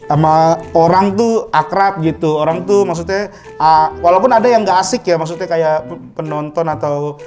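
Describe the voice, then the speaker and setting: Agreeable higher-pitched man comedian. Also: normal speed, a little mellow, faint music behind. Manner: agreeable, often echoing and affirming. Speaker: stand-up comedian guest. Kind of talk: casual chat with anecdotes.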